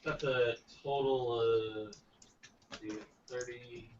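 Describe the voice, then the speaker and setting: A man playing a tabletop game who speaks from another room, distant and muffled as if through a wall, talking slowly and haltingly with many fillers. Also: medium pitch, fairly even intonation, slight background noise. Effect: heard from another room, distant and muffled as if through a wall. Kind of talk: casual tabletop game talk. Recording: faint, far-off, echoey, dull with keyboard typing nearby.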